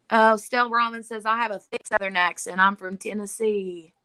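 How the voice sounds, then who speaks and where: Chatting and laughing on a casual home livestream, a woman reads viewers' comments out loud. She has a mid-range voice with a sharp tone, recorded with no room sound.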